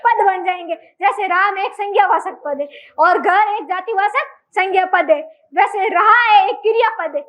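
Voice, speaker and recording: A woman's voice: very high-pitched, normal speed, a bit bright. A woman teacher with a Rajasthani Hindi accent, giving a classroom lecture and quizzing her class with question after question.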